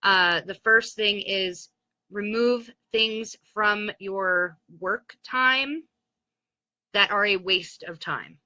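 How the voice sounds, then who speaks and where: A woman's voice: mid-range voice, very slow, bright, forceful tone, no room sound, highs cut off. A woman doing a blunt, chatty motivational talk on a live stream, speaking to sales consultants. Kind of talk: Facebook Live pep talk. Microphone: phone.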